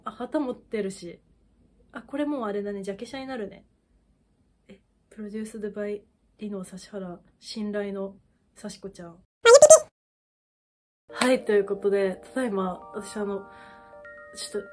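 A woman hosting a reaction video, reacting with excited exclamations and then talking through her thoughts casually. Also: mid-range voice.

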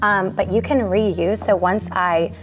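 An enthusiastic woman talks through a kitchen recipe in a casual, chatty how-to manner. Her voice sits at an ordinary middle pitch, with soft music faintly underneath. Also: steady tone, measured pace. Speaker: food business founder, guest.

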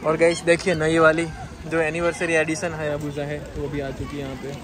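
Speaking at normal speed, a young man with a fairly high, monotone, slightly bright voice chats with viewers he calls "guys." He's vlogging a trip on a foggy, rainy hilltop, holding his phone at arm's length, and background noise comes through clearly.

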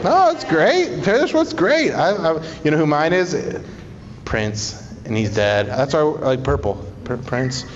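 A middle-aged stand-up comedian does crowd work at a small live show in a climbing gym, bantering casually and profanely with the audience in a slightly slow, rather high voice with big pitch swings. Recorded from the audience off a handheld stage mic, the sound is muffled with long reverb, crowd noise, and laughter.

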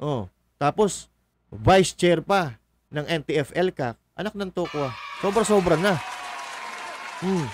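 A man's voice: on the high side, lively intonation, takes it slowly, long pauses, a crowd in the background, noisy background. A man doing casual political commentary on a livestream, mocking and combative, swearing and reading viewer comments aloud. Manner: mocking, combative, swears, laughs at own jokes.

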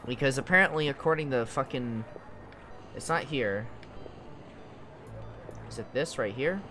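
A man's voice: mid-range voice, animated, a little slow. A man giving casual playthrough commentary, thinking aloud informally as he goes. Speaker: gamer. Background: game music.

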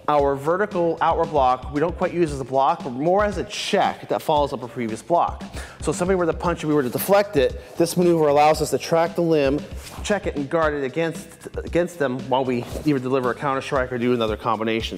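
A man's voice: a little high, big-room sound. A man in his thirties, a martial arts instructor, methodically explaining and comparing blocking techniques. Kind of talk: instructional commentary. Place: martial arts dojo, indoors. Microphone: lapel mic, medium camera shot.

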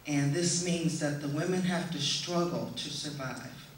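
Her voice sitting low, a middle-aged woman presents a prepared testimonial speech on stage in an indoor hall before an audience, measured and deliberate throughout. The sound reaches a distant camera from her stand microphone, giving an echoey hall tone and faint noise.

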